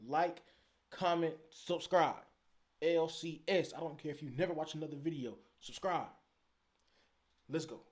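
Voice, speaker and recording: A man's voice: on the high side, steady tone, measured pace, pauses often, slight background noise. A man hosting a reaction video, casually commenting with blunt denials and laughing asides.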